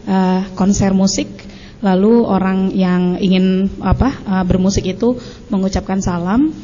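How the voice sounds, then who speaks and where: Lady asking a question, pauses a lot, mellow voice, muffled and echoey. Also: mid-range voice, fairly even intonation. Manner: polite, hesitant, many pauses. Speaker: audience member asking a question. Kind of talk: polite question from the floor. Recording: echoey hall, muffled lo-fi with faint hiss.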